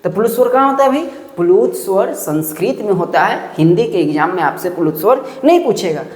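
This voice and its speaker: A woman's voice: mid-range voice, lively intonation, fairly quick, darkish tone. A woman teaching a grammar lesson step by step and quizzing her students with rhetorical questions. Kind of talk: classroom-style online lesson. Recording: echoey room with long reverb.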